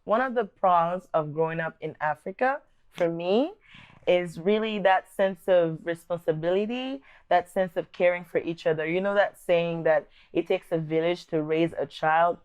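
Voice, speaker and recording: A woman's voice: fairly low pitch, darkish tone, clear, resonant tone. A young adult woman from the Democratic Republic of Congo, speaking earnestly and thoughtfully about her upbringing as a vlog host. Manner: earnest and measured, with occasional restarts. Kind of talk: reflective personal talk to camera.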